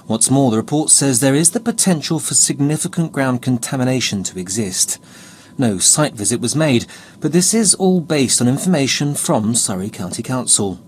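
Male news reporter with faint background noise. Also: medium pitch. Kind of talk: scripted news report narration.

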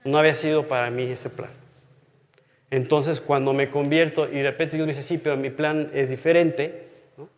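A man's voice: a little high, steady tone, normal speed. A man, in his thirties or older, teaching from the Bible in a personal, conversational way. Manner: earnest and personal, drops to a hush on key phrases. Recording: long hall reverb.

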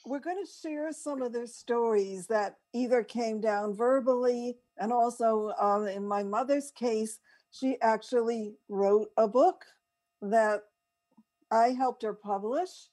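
Speaking slowly in a fairly high but dark-toned voice, an older woman co-hosting on radio swaps casual stories and chatter, drifting easily from one topic to another.

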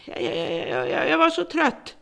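A woman's voice: very high-pitched, big pitch swings, creaky, heavily acted. An actress playing a worn-out middle-aged woman who has become a bitter, vengeful captor, speaking in a brooding, resentful monologue. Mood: bitter lament. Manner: bitter, brooding monologue turning to hushed menace. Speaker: embittered former home care worker holding a captive. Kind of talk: radio drama acting.

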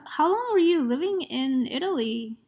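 A woman's voice: high voice, lively intonation, normal speed. A woman hosting a poetry podcast, reading announcements and asking questions attentively. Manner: attentive, soft listening murmurs. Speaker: podcast host.

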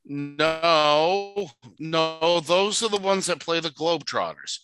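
A man's voice: on the high side, animated, takes it slowly, fairly bright tone, soft background music, rough recording. A man co-hosting a podcast in casual chat, crude and joking, laughing often. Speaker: podcast co-host.

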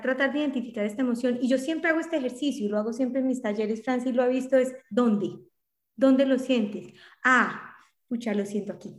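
A middle-aged woman psychologist speaks earnestly and explains step by step, often restarting her sentences. Her voice sits fairly high and carries a roomy echo. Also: a little mellow. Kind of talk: conversational interview explanation.

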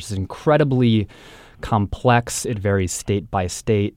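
Low-voiced wry podcast host. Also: male voice, a little mellow, dry recording, studio quality. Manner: curious, wry, asks questions. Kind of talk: casual discussion, hosting.

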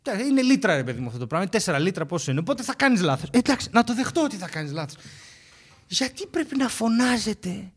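A man co-hosting a casual podcast chat, telling an animated story and acting out the people in it. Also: high voice, few pauses, breathy edge. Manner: animated storyteller who acts out the people he quotes. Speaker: podcast co-host.

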